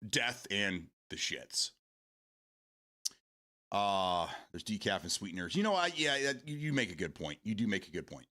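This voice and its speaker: Rambling man in his forties, lively pitch. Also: moderate pace. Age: 40s. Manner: rambling, repeats words, swears casually. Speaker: streamer hosting a morning show. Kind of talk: casual chat reading viewer comments.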